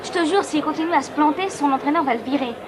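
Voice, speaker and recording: A woman's voice: high voice, quick pace, crowd noise, background noise, close to an everyday voice. A woman dubbing an eager, lonely young patient. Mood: chatty. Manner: eager, confiding. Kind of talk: French film dub.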